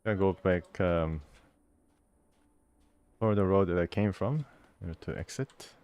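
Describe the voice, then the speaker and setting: A man commenting casually on a role-playing game as he plays, reading the game's text aloud and thinking out loud with an amused, chatty manner. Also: low-pitched, a little slow, clean tone, dry recording. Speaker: gameplay host.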